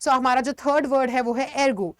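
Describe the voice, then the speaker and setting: A woman teacher explaining vocabulary in an online lesson, mixing Hindi with words and giving lively examples. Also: sits high, moderate pace, no room sound, studio quality. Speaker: English teacher.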